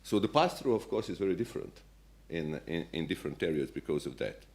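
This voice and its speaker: A man's voice: extremely low pitch, very animated, fast talker, a little mellow. A man speaking as a central bank policymaker on a conference panel, hesitant, with many fillers and restarts.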